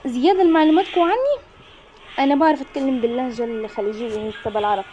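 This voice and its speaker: Excitable Egyptian woman gaming. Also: sits high, rapid-fire, dull audio, background noise. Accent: Egyptian Arabic. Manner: excitable, talks to the game and to viewers. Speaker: gaming YouTuber. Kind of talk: horror game commentary. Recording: music playing behind the voice.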